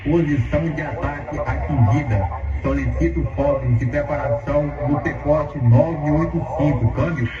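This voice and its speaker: A man's voice: on the high side, moderate pace, pauses often. A man playing an army radio operator, calling in fire in clipped radio procedure over a military radio. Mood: terse. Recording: muffled distant radio audio with loud music.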